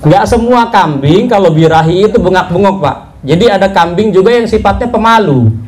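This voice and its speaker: Speaking a little fast in a high, slightly mellow voice with lively intonation, a man lectures farmers on breeding livestock. He isn't a native Javanese speaker, and he stays patient, explains each point step by step, and frequently addresses the listeners directly as "Pak."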